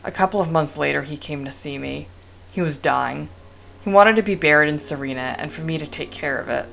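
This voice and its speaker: A woman reading aloud the lines of a talkative male village priest from a game, in a measured way. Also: sits low, creaky, a bit bright. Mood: calm.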